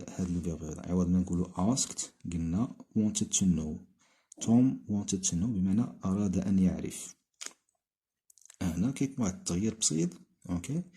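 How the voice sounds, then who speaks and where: A man with a Moroccan Arabic accent explaining an English grammar lesson, reading the English example sentences slowly. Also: low voice, warm tone. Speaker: English teacher.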